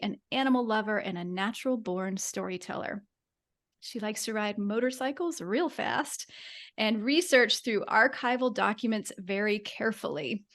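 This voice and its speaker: A woman's voice: on the high side, a bit bright. A woman hosting a podcast, chatting casually and eagerly, gushing over her guest with plenty of fillers. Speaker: podcast host. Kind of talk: enthusiastic interview chat.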